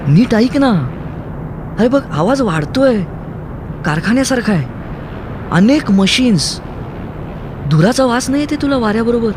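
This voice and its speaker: A man voicing a young woman who coaxes and teaches patiently, with loud vehicle noise behind. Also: a little high, sing-song, takes it slowly, long pauses. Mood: urgent. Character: young woman, calm then excited guide.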